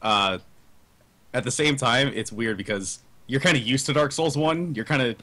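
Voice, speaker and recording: Hesitant, bright-voiced man in casual chat. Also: mid-range voice, normal speed. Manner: hesitant, hedges with many fillers and restarts. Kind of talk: casual chat over a video call.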